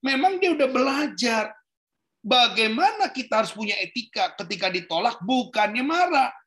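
A man's voice: very high-pitched, lively intonation, moderate pace, a bit bright, slightly rough. A male pastor preaching a sermon, often calling on his listeners directly and acting out little quoted scenes. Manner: conversational preaching, addresses listeners as Saudara, acts out quotes.

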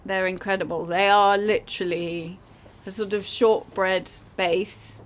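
A woman's voice: medium pitch, fairly even intonation, unhurried, a little hiss or hum. Enthusiastic woman head chef. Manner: enthusiastic, warm about her work. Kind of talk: casual conversation.

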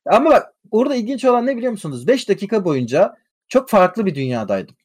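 Man, high voice, rapid animated storyteller, swears a lot, casual panel chat.

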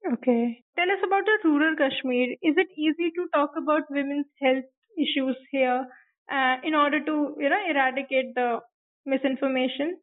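A woman's voice: sits high, normal speed, narrow, tinny audio. A woman presenting a podcast and putting questions to a guest as interviewer.

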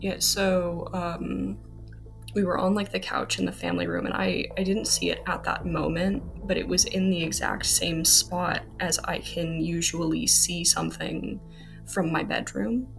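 Casting: low gravelly woman guest, hesitant casual storytelling, faint music behind. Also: level tone, a little slow. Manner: hesitant, full of fillers. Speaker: podcast guest.

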